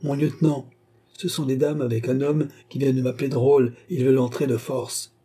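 A man with a husky voice reading a stubborn, irritable palace guard in a novel audiobook. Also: mid-range voice, flat delivery, fairly quick, warm tone, pitched above the performer's own voice, natural voice. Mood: irritated.

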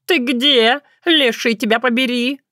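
A fussy, dramatic talking tomcat who wails, scolds and pities himself, as a woman puts him on. His voice sits high and loud and stretches his words into drawn-out howls. It is a storybook recording, dry and close. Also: no echo. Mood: scolding. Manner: wailing, scolding, self-pitying. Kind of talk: audiobook character voice.

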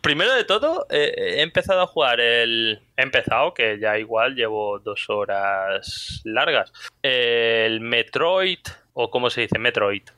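Spanish guy on a podcast, super bright sharp voice, dry close mic, chatty and laughy. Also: lively intonation, no echo. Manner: rapid, laughing, acts out friends in a high voice. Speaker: podcast co-host. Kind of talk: casual podcast chat.

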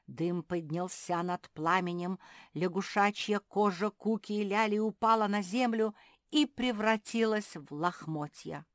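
A woman narrating a children's story aloud on a close mic, lively and dramatic. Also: mid-range voice, unhurried, no room sound. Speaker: audiobook narrator.

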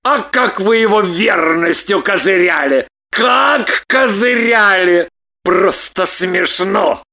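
A woman reading an audiobook, voicing a hot-tempered man who shouts with slow, drawn-out emphasis. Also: medium pitch, exaggerated voice. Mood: scornful. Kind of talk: audiobook character voice.

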